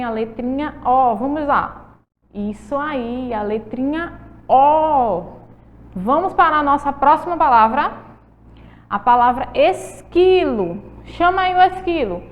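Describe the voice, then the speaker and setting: A woman teacher with a Brazilian Portuguese accent giving a televised lesson to children, stretching words slowly to mark the stressed syllable and asking the viewers questions. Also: high voice, big-room sound, lo-fi sound. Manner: encouraging, asks the viewers questions.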